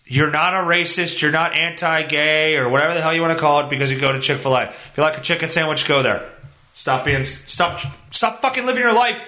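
A man's voice: on the high side, pushed and bright, echoey room. A man hosting a solo podcast, reading news headlines aloud and ranting about them in a blunt, profane, exasperated way. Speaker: podcast host.

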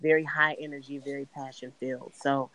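A middle-aged singer from Chicago with a raspy voice appears as a guest on a podcast interview, speaking earnestly and in measured fashion. Her pitch holds level with little rise or fall as she tells her story steadily and unhurriedly. The recording is rough.

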